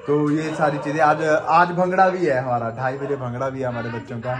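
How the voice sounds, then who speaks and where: A man in his thirties chatting casually for his family vlog. He explains things at length in an easy, unhurried way. His voice sits a little higher than most men's. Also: flat delivery, a crowd in the background. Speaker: vlogger.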